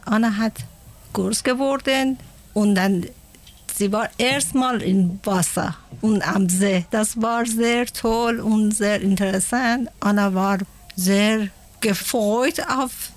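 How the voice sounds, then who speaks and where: Slow-speaking woman. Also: a little high. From Iran. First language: Persian. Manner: halting, searching for German words. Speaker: interviewee, mother. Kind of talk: casual radio interview.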